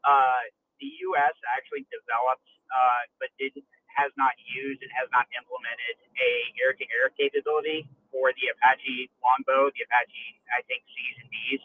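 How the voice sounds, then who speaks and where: A man's voice: mid-range voice, little pitch movement, moderate pace, pushed and bright, poor audio. A man talking over a car speakerphone while driving, rambling with many uh and you know fillers and self-corrections in a casual chat. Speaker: listener speaking up on an audio chat panel. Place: inside a moving car. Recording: faint road hum from a moving car.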